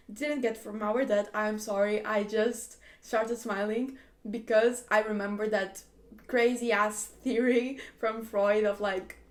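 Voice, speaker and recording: A woman hosting a casual reaction video, reading posts aloud and chatting with lots of "like" and frequent laughs. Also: mid-range voice. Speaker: YouTube host reacting to posts.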